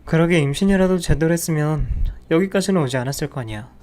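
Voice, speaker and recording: A man's voice: on the high side, quick pace, darkish tone, close to an everyday voice. A man playing a scornful cheating husband. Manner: scornful, dismissive. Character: cold, contemptuous cheating husband.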